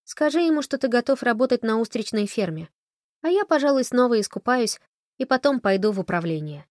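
A woman reading an audiobook, voicing a calm, breezy and ironic young woman inquisitor. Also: fairly high pitch, brisk, no room sound, studio quality, pitched above the performer's own voice, lightly acted.

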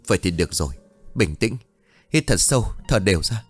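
A man voicing a young husband who patiently coaxes his distraught wife to calm down. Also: low-pitched, brisk, husky, dry recording. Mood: soothing. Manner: calming, gentle coaxing.

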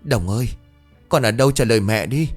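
A frantic middle-aged village mother, put on by a male storyteller, wailing and pleading in a high, strained voice. She rushes her words in a loud, breathless burst, over faint background music. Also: expressive, close to an everyday voice.

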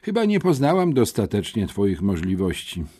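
A man's voice: fairly low pitch, wildly swooping pitch, moderate pace, dark tone, breathy edge, exaggerated voice. A man voicing a stern, commanding female school headmistress.

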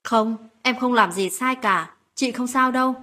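A woman playing a quiet, gentle older sister type. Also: fairly high pitch, unhurried.

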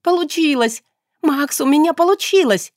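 A woman voicing a brash, impulsive young heroine with high, loud, excitable exclamations. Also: normal speed, no echo, studio quality, natural voice. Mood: excited.

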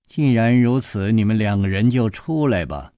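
A man voicing a cold, mocking male swordsman who speaks softly and sneeringly. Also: fairly low pitch, animated, moderate pace, no room sound, studio quality. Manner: soft, breathy and sneering.

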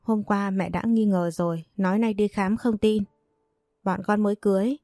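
A woman's voice: mid-range voice, steady tone, moderate pace, warm tone, no room sound, studio quality, natural voice. A woman voicing a cheerful, fussing middle-aged mother-in-law in a read-aloud storybook.

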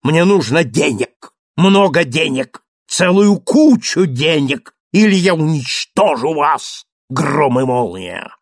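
A man's voice: on the high side, sing-song, slow, gravelly, no room sound, clean studio sound, heavily acted. A man voicing a greedy, vicious middle-aged innkeeper villain, gloating and snarling in an audiobook reading. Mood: ranting.

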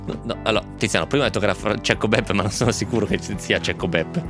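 A man's voice: fairly low pitch, very fast, over music. A man hosting a casual, improvised live radio show, bantering with listeners in digressive, self-mocking asides. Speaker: radio host taking listener calls and reading messages.

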